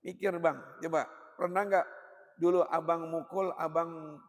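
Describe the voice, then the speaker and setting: A man's voice: a little high, steady tone, measured pace. A man preaching a colloquial sermon, blunt and joking, in street slang. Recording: long hall reverb.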